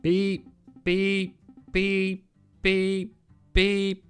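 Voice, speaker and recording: A man's voice: sits high, monotone, very slow, smooth, faint music behind, pitched above the performer's own voice. A man voicing an odd, twitchy man who beeps in a mechanical robot-like voice during a game playthrough. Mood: beeping. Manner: chanting beeps in a raised, mechanical tone. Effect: robot voice, imitated beeps.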